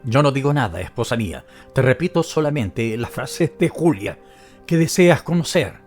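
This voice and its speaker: Un hombre que lee a un marido manso y tranquilo. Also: male voice, medium pitch, lively intonation, normal speed, faint music behind, lightly acted. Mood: meek. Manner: quiet, apologetic, restrained. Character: meek, calm, mild-mannered husband. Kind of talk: audiobook character reading.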